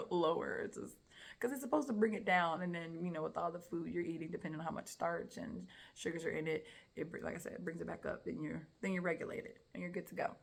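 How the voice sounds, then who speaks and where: A young woman giving a personal testimony in casual storytelling, emotional and animated, dropping into soft whispers at times. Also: on the low side, quick pace, vocal fry. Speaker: testimony speaker.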